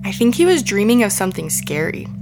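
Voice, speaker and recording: Little girl, done by a man, high, lilting, soft and earnest. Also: big pitch swings, fast talker, over music. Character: small earnest young girl.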